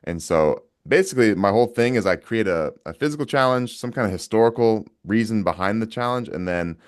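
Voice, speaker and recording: A man's voice: lowish voice, lively intonation, fairly quick. A young man talking casually and emphatically as a podcast guest, swearing now and then. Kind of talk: casual conversation.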